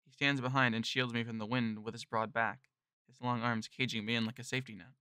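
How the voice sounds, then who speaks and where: A man narrating a visual novel in the first person, in a bright, forceful voice at a middle pitch. He reads in a nervous, self-deprecating tone. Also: level tone, a little fast, clean tone, no echo, studio quality.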